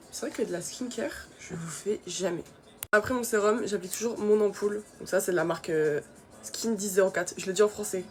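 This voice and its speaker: A woman's voice: medium pitch, darkish tone. Chatty young woman, skincare vlog. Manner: chatty, casual, many fillers. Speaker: beauty vlogger.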